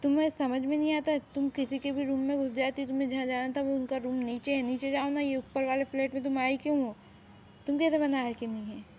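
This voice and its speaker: A woman's voice: fairly high pitch, little pitch movement, normal speed, natural voice. A woman voicing a harsh young male mafia boss who gives orders in a commanding, scolding way, in a fan audio drama. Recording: tinny phone-like recording, faint hiss.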